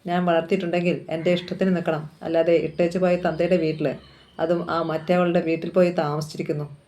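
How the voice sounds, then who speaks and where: A bitter old mother defends herself by snapping back, every word full of contempt, as a woman reads her part. The voice stays level in pitch and gives no ground. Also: level tone, a little fast, dark tone, close to an everyday voice. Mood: scornful. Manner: scornful, snapping.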